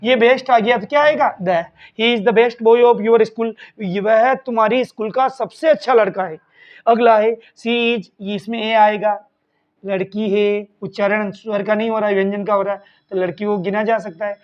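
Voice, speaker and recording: High-voiced man teaching grammar. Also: steady tone, measured pace, dull audio. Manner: emphatic, repeats answers as questions to students. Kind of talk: exam-prep grammar lesson.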